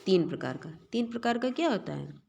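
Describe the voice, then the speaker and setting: A woman teaching Sanskrit grammar in a slow classroom lecture, reciting verses and then explaining them step by step. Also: medium pitch, lively intonation, gravelly, mellow.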